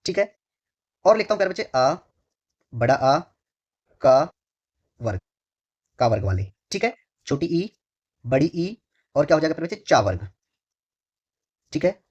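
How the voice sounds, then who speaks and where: A man's voice: fairly high pitch, slightly rough. A male exam tutor giving a lesson. He asks questions and answers them himself, repeats phrases several times, and keeps addressing his students affectionately. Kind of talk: online exam-prep lesson. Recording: dull lo-fi recording.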